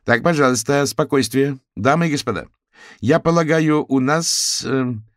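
A man's voice: medium pitch, animated, brisk, fairly bright tone, no echo, clean studio sound, voice pushed up. A man voicing an officious woman who chairs a rowdy meeting and calls it to order in an audiobook.

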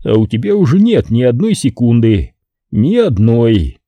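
A man's voice: medium pitch, big pitch swings, measured pace, dark tone, no room sound. A man voicing a cold, ruthless vigilante who speaks in terse threats.

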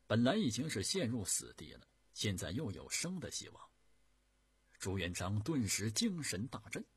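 A man tells a historical tale in a traditional dramatic storytelling style, rhythmic and animated. His low voice is raspy and swoops widely. The recording is dry and close. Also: normal speed, dry recording. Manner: animated, rhythmic narration with sudden swells.

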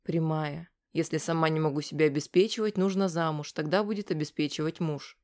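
A woman narrator voices a young woman who talks quietly and sniffles, timid and complaining. The lines are soft and a bit low, as in a storybook reading of a weepy heroine. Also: steady tone, a little fast, close to an everyday voice. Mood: tearful.

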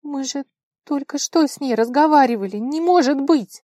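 A woman's voice: high-pitched, normal speed, dark tone, no room sound, clean studio sound, voice pushed up, close to an everyday voice. A woman voicing a young heiress girl who exclaims and pleads in a raised voice. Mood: outraged.

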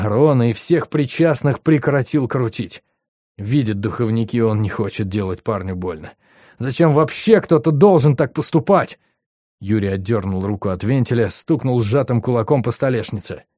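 A man's voice: medium pitch, mellow, no room sound. Man narrating an audiobook, dry and close. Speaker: audiobook reader.

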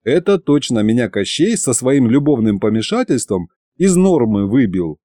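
Male audiobook narrator, very lively intonation, mellow dark tone, dry close sound. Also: medium pitch, no echo. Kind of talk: expressive first-person audiobook narration.

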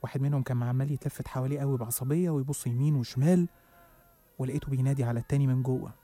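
A man's voice: medium pitch, steady tone, rapid-fire, mellow. A man with an Egyptian Arabic accent narrating a suspenseful first-person horror story. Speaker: storyteller host.

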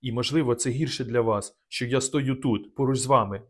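A gentle young noblewoman whose voice stays soft and worried, done by a man reading aloud. She pleads quietly, her tone a little raised above the narrator's. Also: medium pitch, fairly quick, lightly acted.

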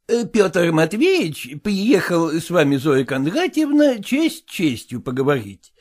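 A calm, reluctant go-between in a storybook, as read by a male narrator, speaking in measured, reasonable sentences. His voice is lighter than most men's and moves a good deal in pitch.

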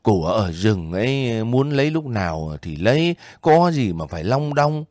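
A man's voice: medium pitch, very animated, normal speed, a little mellow, no room sound, clean studio sound, close to an everyday voice. A man reading a coaxing young soldier. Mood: brushing off. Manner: coaxing, homely. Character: caring young male soldier, devoted comrade.

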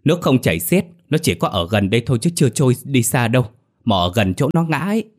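A man's voice: mid-range voice, big pitch swings, fast talker, pitched above the performer's own voice. A man voicing a bossy village bystander who calls out instructions from the bank.

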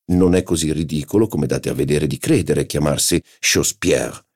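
A man reading an audiobook, voicing a stern, pedantic aristocratic duke who speaks in a measured, lecturing way. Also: very deep voice, darkish tone, husky, no echo, studio quality, full character voice.

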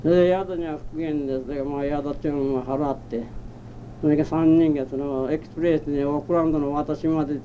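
An elderly man from Japan telling his life story as an oral history interviewee, in a rambling, halting way with old-fashioned rustic speech. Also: fairly high pitch, mellow. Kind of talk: reminiscing in a personal narrative. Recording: muffled, dull old tape with faint hiss. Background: faint background noise.

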